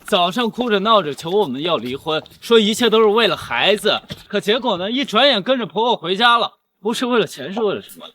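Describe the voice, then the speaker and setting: Hot-headed protective young man, blunt, high and animated. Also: a little fast, few pauses. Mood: indignant. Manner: indignant, blunt. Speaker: lawyer's partner. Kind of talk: short drama acting.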